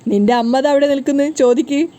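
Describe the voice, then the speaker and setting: A woman voicing a calm, easygoing middle-aged father who answers offhandedly, in a TV serial recap. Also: sits high, fast, natural voice. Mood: offhand.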